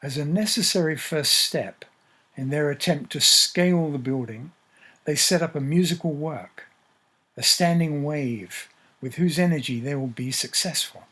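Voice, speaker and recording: Husky guy narrating a story, slow and descriptive, scripted. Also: a little high, pushed and bright.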